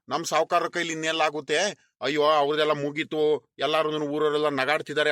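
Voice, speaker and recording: Man voicing a grumpy high-voiced village landlord. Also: fairly bright tone, dry recording, clean studio sound. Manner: scolding, grumbling. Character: proud grumpy middle-aged male village landlord.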